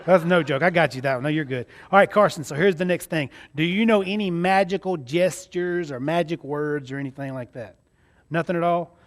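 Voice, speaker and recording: A man's voice: a little high, a little fast. A man with a Southern US accent doing live kids' magic show patter, showy and jokey like a party magician as he coaches a child. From Mississippi, United States. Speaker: stage magician performing with a child volunteer.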